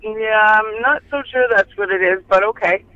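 A woman's voice: medium pitch, moderate pace. Woman on speakerphone from a car, muffled phone sound, dry and matter-of-fact. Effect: on speakerphone in a moving car. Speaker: host's mother on a call. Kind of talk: casual phone chat.

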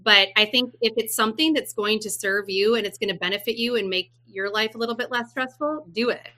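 A woman's voice: on the high side, a little fast, sharp tone. A woman entrepreneur in a casual panel chat on a video call, speaking frankly and correcting herself as she goes. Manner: frank, rambling, self-correcting. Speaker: entrepreneur guest.

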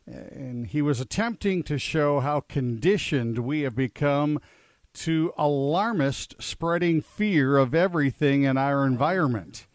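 A man co-hosting a morning radio show, telling short stories in a slow, measured way. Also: a little high, no echo, studio quality.

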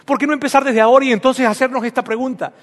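A man's voice: very high voice, fairly even intonation, rapid-fire, long reverb tail. A man preaching a sermon as pastor, emphatic and repetitive, leading his congregation in spoken declarations. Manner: emphatic, repeats phrases, leads congregation in declarations. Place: church hall.

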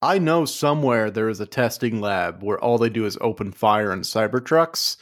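A man's voice: fairly low pitch, animated, moderate pace. A man co-hosting a comedy podcast, riffing in casual chat and slipping into put-on voices. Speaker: podcast co-host.

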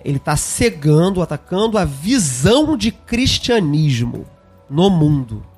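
A man's voice: a little high, sing-song, unhurried, darkish tone, breathy edge, faint music behind. A man hosts a podcast discussion, thinking aloud and repeating himself as he talks. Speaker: podcast host. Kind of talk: casual discussion of an esoteric text.

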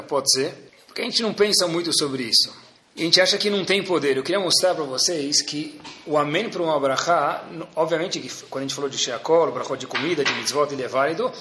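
Um professor religioso com sotaque brasileiro, contando histórias de forma animada e com piadas numa aula. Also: male voice, on the high side, reverberant, slight background noise. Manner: lively storyteller, jokey asides. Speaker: religious teacher. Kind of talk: religious class with stories and jokes.

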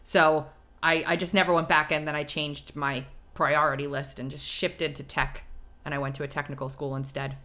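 A woman's voice: low voice, flat delivery, moderate pace, a bit bright. A woman in her forties co-hosting a casual chat in an open, chatty way. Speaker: co-host.

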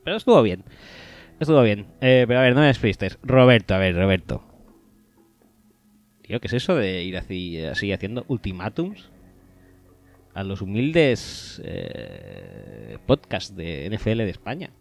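A man's voice: on the low side, big pitch swings, unhurried, gravelly, pauses often. A man co-hosting a podcast, joking, swearing freely and mocking listener comments. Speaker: podcast co-host. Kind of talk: casual podcast banter.

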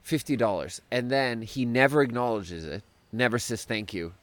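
In a relaxed podcast chat, a Swedish man in his thirties spins meandering stories and laughs a lot. He has a medium pitch and moderate pace, with no room sound.

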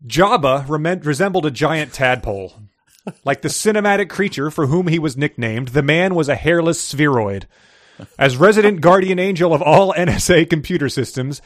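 A man's voice: a little high, dry recording, studio quality. A man hosting a podcast who reads story excerpts aloud, chats casually and laughs often. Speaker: podcast host.

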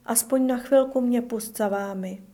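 A woman's voice: fairly high pitch, mellow, lightly acted. A woman reading as a pleading orphan boy. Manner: pleading, wistful. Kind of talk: storybook reading.

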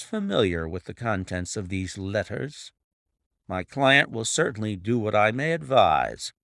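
A man plays a grave, self-controlled detective who speaks in firm, measured sentences. The voice is low and gravelly, unhurried, with wide expressive movement. The recording is dry and close. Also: dry recording, full character voice. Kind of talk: audiobook character reading.

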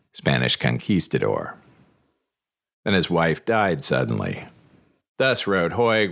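A very low-pitched man narrates history from a script as a podcast host. He handles Spanish names carefully with a pronunciation and slips in dry, wry asides to his listeners. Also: a bit bright.

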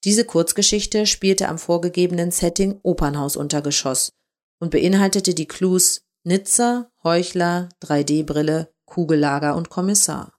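A woman reading a dark short story aloud in a calm, measured narration. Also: on the low side. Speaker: story reader.

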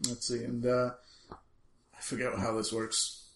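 A man's voice: mid-range voice, completely flat delivery, slow pace, vocal fry, a bit bright, roomy sound. A man playing a tabletop game, talking casually and restarting a lot as he works through rules. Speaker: player.

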